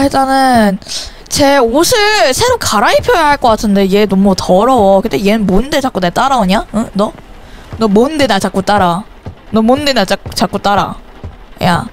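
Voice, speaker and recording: High-voiced woman chatting through a game. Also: a little hiss or hum. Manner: chatty, exclaims and scolds the game baby loudly. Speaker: game streamer. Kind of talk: casual game commentary.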